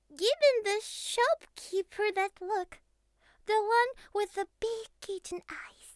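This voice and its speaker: In a clingy, intimate ASMR roleplay captured dry and up close, a naive young catgirl uses a full character voice that is tiny and extremely high. She speaks slowly and hesitantly, pleading with childlike earnestness and slightly formal wording.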